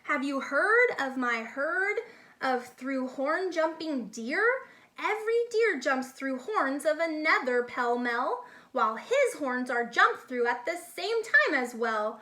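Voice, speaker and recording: Here a woman with a bright, high voice is reading to small children. Like a teacher with a picture book, she takes her time, keeps her delivery lively, and pauses to explain things to the kids listening.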